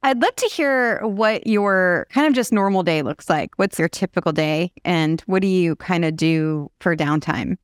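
A woman's voice: fairly low pitch, expressive, unhurried, hardly any pauses, no echo, clean studio sound. A woman hosting an interview, talking in a reflective, encouraging way. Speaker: interview host. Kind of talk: casual conversation.

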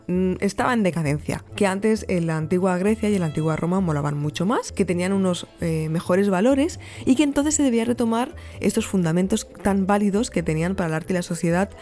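Faint music plays under this young podcast host, whose Spain Spanish accent colors a chatty, scripted monologue. Her voice is medium-pitched and a little mellow, and she speaks emphatically, tossing in playful jokes at her own expense.

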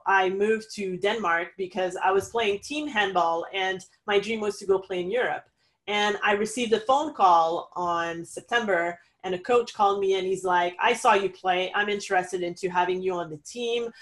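A woman's voice: mid-range voice, normal speed, fairly bright tone. Woman chatting as a guest. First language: French. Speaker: interview guest, podcast host. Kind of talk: conversational personal anecdote and advice.

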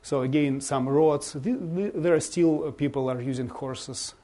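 Halting Russian-accented man, mellow voice. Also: fairly high pitch. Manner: halting, searching for words in non-native English. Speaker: bishop giving a guest presentation. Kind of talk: informal slideshow talk to an audience.

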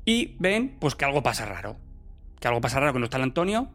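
A man's voice: mid-range voice, sing-song, quick pace. Male co-host, conversational recapper who drives the story with questions. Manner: leads the recap, asks rhetorical questions. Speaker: podcast co-host. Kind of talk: casual chat reviewing a TV series.

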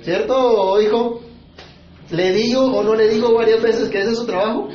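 A man, preaching a sermon. His voice sits a little high, and he keeps turning to the listeners with rhetorical questions. The room is echoey and the sound slightly muffled. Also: fairly even intonation, normal speed, darkish tone. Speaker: pastor.

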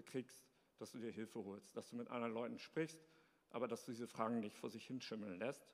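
A man giving an earnest, encouraging devotional talk. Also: mid-range voice. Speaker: speaker of a short devotional talk. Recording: long reverb in a hall.

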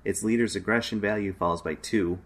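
A man's voice: on the low side, fairly even intonation, brisk. A man co-hosting a podcast, reading trivia aloud in a dry, matter-of-fact way. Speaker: podcast co-host.

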